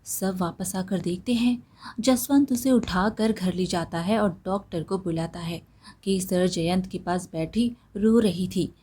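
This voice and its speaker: Storyteller, female, calm scripted narration, slow, mellow and husky. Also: fairly low pitch.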